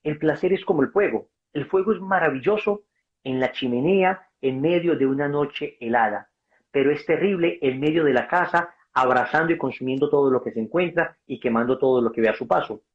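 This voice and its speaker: A man's voice: a little high, a little fast. A man giving passionate, preaching-style answers on a video call, emphatic and acting out dialogue. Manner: emphatic, acts out dialogue, addresses listener as brother. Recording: dull lo-fi video call audio.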